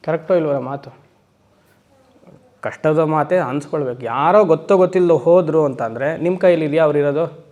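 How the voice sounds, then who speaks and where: A swami teaching Vedanta to a class. He keeps putting questions to his listeners and slows down for emphatic English phrases. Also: a little high, a little mellow, lo-fi sound. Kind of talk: spiritual lecture to a class. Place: lecture hall.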